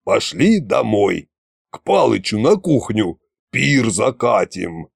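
A weary, bony sorcerer, as a man voices him drawls every line slowly and calmly, his tone sitting a little low. The storybook voice is recorded close with no room sound. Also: gravelly, slightly rough, dry recording, heavily acted. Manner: tired, calm drawl.

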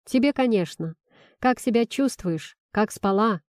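A woman reading a romance audiobook, voicing a confident, coaxing male doctor in a soft, hushed tone. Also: fairly high pitch, expressive, unhurried, no echo, studio quality. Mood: gentle teasing.

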